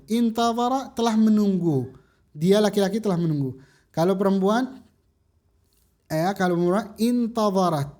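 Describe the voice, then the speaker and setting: Brief: female language teacher, unhurried delivery, patient drilling, repeats forms aloud. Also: mid-range voice, dark tone. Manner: patient, repeats words for students to echo. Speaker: Arabic teacher. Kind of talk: slow classroom drilling of verb forms.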